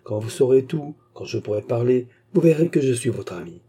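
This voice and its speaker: A man's voice: medium pitch, animated, fairly quick, dark tone, slightly rough. Man playing a falsely polite kidnapper. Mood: insistent, falsely kind. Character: smooth, deceitful male kidnapper, falsely polite.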